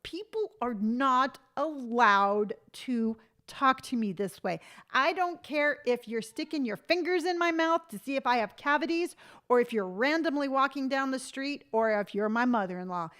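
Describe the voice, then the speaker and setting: A woman's voice: sits high, normal speed. Emphatic woman in her fifties livestreaming. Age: 50s. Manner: emphatic, animated storytelling, reads viewer comments aloud. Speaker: TikTok live streamer. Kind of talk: casual live-stream chat.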